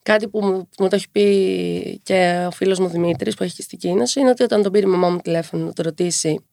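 A woman in her twenties, a podcast guest who talks quickly and tells her story with wry humor. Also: fairly low pitch, vocal fry, no echo, clean studio sound. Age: 20s. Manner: fast-talking, lively storytelling with wry humor. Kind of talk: casual conversational interview.

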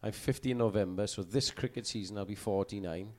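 A jovial man in his late forties with a fairly low voice. He tells his stories with relish on a relaxed podcast. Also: fast. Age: 40s. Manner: jovial storyteller. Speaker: podcast host. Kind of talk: casual podcast chat.

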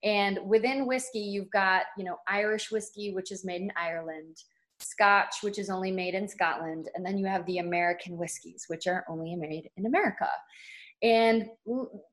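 A woman's voice: mid-range voice, moderate pace. A woman who is a distillery owner, a guest on an interview show, explaining things in an upbeat, plain way. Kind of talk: casual interview chat.

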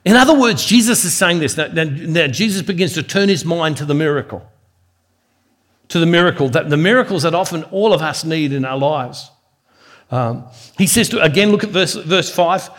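This devotional sermon, mixed with personal storytelling, comes from an earnest man who builds his points through repetition. His fairly high, fairly bright voice is animated and moves at a moderate pace.

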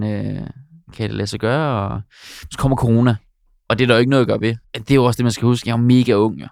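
Young man telling stories, smooth clear voice. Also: mid-range voice, dry recording, clean studio sound. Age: 20s. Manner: chatty, with many fillers and restarts. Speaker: podcaster and sports commentator. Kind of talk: relaxed interview storytelling.

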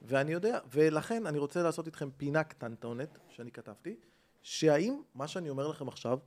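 A comedian spinning a wild story for his friends, his voice jumping up and down in pitch as he acts out every character. He talks at a slightly high pitch for a man, in relaxed, casual chat. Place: rooftop.

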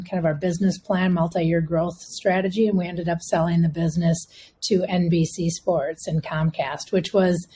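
A woman's voice: on the low side, mellow, slight background noise. A woman in her fifties with a Minnesota accent, a healthcare executive answering podcast interview questions conversationally, with frequent restarts and fillers.

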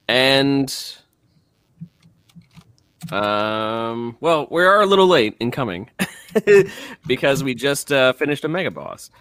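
A man hosts a casual gaming podcast in an upbeat, giggly way. His pitch swings widely as he talks, and the sound is close and dry. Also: big pitch swings, takes it slowly, long pauses, fairly bright tone, dry recording. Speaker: podcast host. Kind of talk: casual chat.

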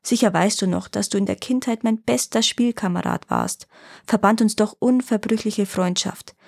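A woman's voice: mid-range voice, lively intonation, normal speed, a little mellow, no echo, clean studio sound. A woman doing a greedy, vain landowner. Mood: pleading. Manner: haughty, then honey-sweet and pleading. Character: vain, greedy rich male landowner, quick to anger.

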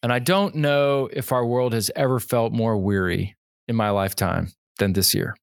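A man's voice: mid-range voice, normal speed, vocal fry, no room sound, studio quality. A man who coaches pastors, talking casually on a podcast and quoting hymns and Scripture with rising emphasis.

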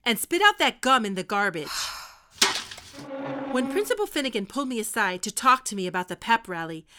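A woman's voice: fairly high pitch, big pitch swings, fairly quick, background noise. A woman acting a stern, lecturing history teacher keeping two students in detention. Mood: firm. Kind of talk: audio drama acting.

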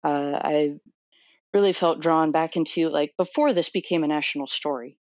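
A woman in her thirties from Florida, a doctoral student, answers interview questions thoughtfully, with lots of fillers and restarts. Her voice sits low and has a darkish tone at a normal pace. There's no room sound, and the highs are cut off.

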